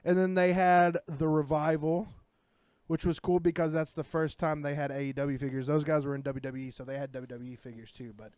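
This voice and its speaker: A man's voice: on the high side, steady tone, a little fast, a little mellow, smooth, no echo. A man co-hosting a casual podcast, talking in an enthusiastic, rambling way. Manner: enthusiastic, rambling wrestling fan. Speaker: podcast co-host. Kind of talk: casual chat.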